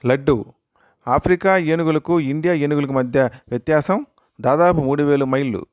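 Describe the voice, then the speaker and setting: A man's voice: on the high side, moderate pace, no echo, studio quality. A man hosting his own channel, reading out short jokes one after another in a plain storyteller's delivery. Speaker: channel host.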